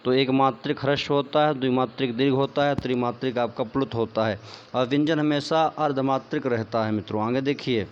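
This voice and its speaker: A man's voice: mid-range voice, fairly even intonation, a little fast, slight background noise. Male Sanskrit grammar teacher, lo-fi sound. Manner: explanatory, repeats points as questions to the viewer, addresses them as friends. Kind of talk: online lecture explaining a text.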